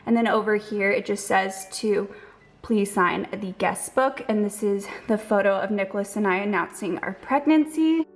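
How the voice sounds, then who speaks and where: A woman's voice: medium pitch, moderate pace, reverberant. A young woman vlogging at home in a chatty, bubbly way, a little out of breath. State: slightly out of breath. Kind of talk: casual vlog talk to camera. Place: family house indoors.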